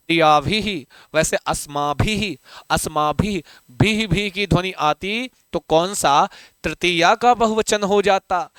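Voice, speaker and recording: A man's voice: sits high, sharp tone, clear, resonant tone, no echo. A man teaching Sanskrit grammar in a live online class, chanting word forms aloud and coaxing students to answer, with playful mock threats. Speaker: Sanskrit teacher for exam prep.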